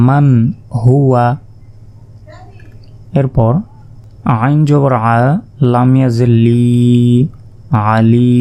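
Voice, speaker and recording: A man teaching Quran reading step by step, spelling out each letter and vowel mark, then reciting the sounds slowly and drawn out. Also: mid-range voice, dark tone. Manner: patient, repeats and asks himself questions. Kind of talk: step-by-step lesson.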